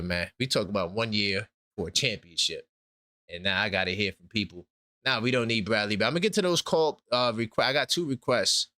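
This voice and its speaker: A man's voice: fairly low pitch, pushed and bright, no room sound, clean studio sound. A man in his forties hosting a sports talk show, emphatic and repeating his points. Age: 40s. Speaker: host.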